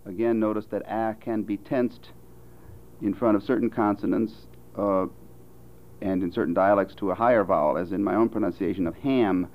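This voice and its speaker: Low-voiced American man demonstrating vowels. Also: steady tone, highs cut off. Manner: slow, careful, measured delivery with deliberate example words. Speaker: phonetics instructor. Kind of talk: recorded vowel demonstration lecture.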